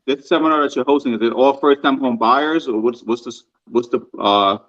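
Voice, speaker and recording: A man's voice: mid-range voice, fairly quick, a bit bright, dull audio. A guest on a live stream, a man answering and asking questions in an easygoing way. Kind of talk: casual interview chat.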